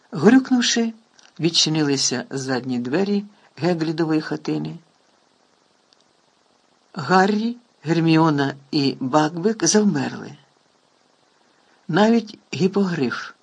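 A man narrating an audiobook in a lively, expressive reading. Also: on the high side, creaky, husky. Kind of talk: storybook reading.

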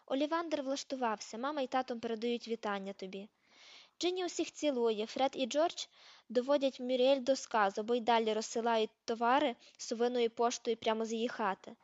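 A woman reading as a calm young man with news. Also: fairly high pitch, a little fast, dry recording, muffled recording, lightly acted. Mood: reassuring.

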